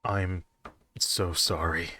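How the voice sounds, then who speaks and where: A man reading a creepypasta as the quiet ghost of a boy, speaking softly and apologetically. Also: low-pitched, very slow, slight background noise, voice pushed down, exaggerated voice. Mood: eerie. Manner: soft, apologetic, creepy calm.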